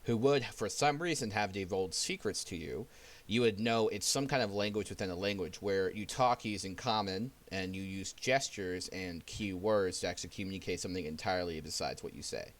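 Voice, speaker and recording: Deep-voiced man running a tabletop game. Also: a little fast. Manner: explains rules with many fillers. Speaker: dungeon master. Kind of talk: casual tabletop game chat.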